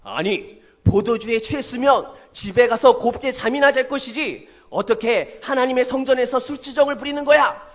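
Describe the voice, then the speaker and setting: A man's voice: very high voice, normal speed, pitched above the performer's own voice. A man voicing a stern male temple priest in a children's sermon story. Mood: scolding. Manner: scolding, then calm and formal.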